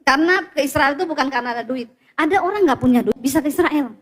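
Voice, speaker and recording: A woman's voice: sits high, fast. A woman pastor preaching a sermon, telling stories and drawing in the congregation with questions. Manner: lively storytelling with congregation prompts.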